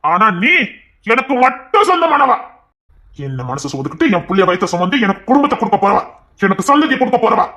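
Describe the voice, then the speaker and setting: A man's voice: extremely high pitch, bright, forceful tone, exaggerated voice. A man voicing a possessive, hot-tempered young husband in an audio drama. He talks in a stern, scolding way. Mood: stern tender. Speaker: voice actor in an audio serial.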